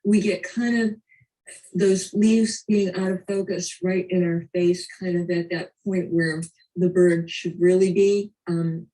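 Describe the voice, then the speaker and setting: A woman critiquing photographs as a competition judge, thoughtful and hesitant with frequent pauses. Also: lowish voice, fairly even intonation, dark tone. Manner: hesitant, thoughtful, with many ums. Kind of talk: spoken critique. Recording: distant mic.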